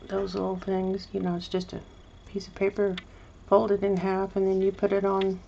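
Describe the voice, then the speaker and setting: A woman chatting through a paper craft project, her voice gravelly and fairly flat, wandering from one thought to the next. The recording is a little dull, with a faint hiss underneath. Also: mid-range voice, normal speed. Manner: rambling, hesitant, chatty with many restarts. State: mouth full of candy. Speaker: crafting vlogger. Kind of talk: casual show-and-tell craft video.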